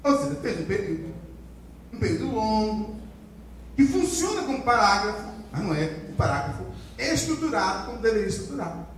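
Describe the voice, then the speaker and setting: A high-voiced Brazilian man leads a lively writing lecture, drilling his class with repeated phrases and call-and-response. He sounds far from the mic in a very echoey classroom with a faint hiss underneath. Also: fairly quick. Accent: Brazilian Portuguese. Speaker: writing teacher.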